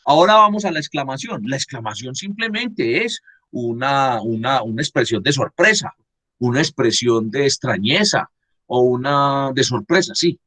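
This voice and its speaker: Male teacher on a video call, husky and lively in pitch; patient, repetitive explainer. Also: normal speed. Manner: repeats and asks "¿sí?" to check understanding. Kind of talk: online class explanation.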